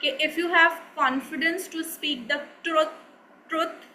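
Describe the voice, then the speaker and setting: High, bright Pakistani woman teacher. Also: fairly even intonation, slight background noise, poor audio. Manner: mixes Hindi-Urdu and English, often checks in with "ठीक है?"; slows down to model English words. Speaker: spoken English teacher. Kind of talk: recorded course lecture.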